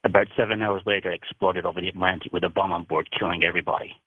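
A man's voice: low-pitched, fairly even intonation, very fast, dry recording. A man from Canada calling in to a radio show and earnestly telling a personal story. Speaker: caller. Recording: husky voice over a phone line.

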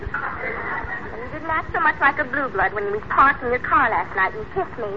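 A spirited young American sweetheart in a radio comedy, teasing and gushing. Her voice is very high and lively, on a dull, noisy old broadcast recording. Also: normal speed, crowd noise. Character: spirited young sweetheart, quick to tease and gush.

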